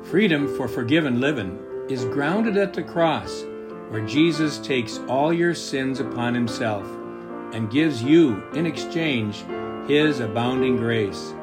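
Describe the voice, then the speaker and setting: A man's voice: mid-range voice, expressive, takes it slowly, over loud music. A man co-hosting a daily devotional program, talking through scripture in a genial, preaching way. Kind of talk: devotional radio talk.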